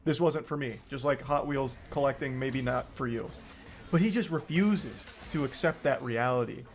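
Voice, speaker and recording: A man's voice: mid-range voice, normal speed, a little hiss or hum. A man reading online comment threads aloud and mocking them sarcastically, swearing freely. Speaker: commentary host.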